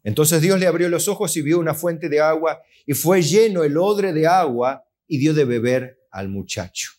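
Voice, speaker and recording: This is an Argentine man, a pastor delivering a sermon in a lively, conversational way. His voice sits a little high for a man, and he keeps asking his listeners questions before answering them. Now and then he slips into acted-out voices of God and of believers complaining. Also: moderate pace. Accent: Argentine Spanish. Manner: asks the congregation questions and answers them himself.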